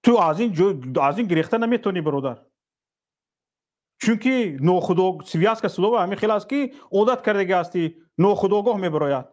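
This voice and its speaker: Brief: male host, fairly high voice, stern and rebuking, heated call-in talk. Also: expressive, a little mellow.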